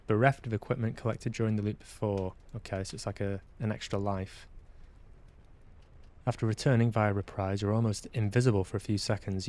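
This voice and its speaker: A man from England with a lowish, darkish voice hosts a live game stream, reading on-screen text aloud. Between the read-out passages he drops casual asides; he is also a podcast host.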